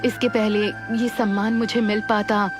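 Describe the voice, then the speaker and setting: A woman's voice: mid-range voice, level tone, moderate pace, lightly acted. An actress dubbing a defiant young woman who speaks firmly and with passion, over film music. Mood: impassioned. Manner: firm, impassioned. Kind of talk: Hindi film dub. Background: film score.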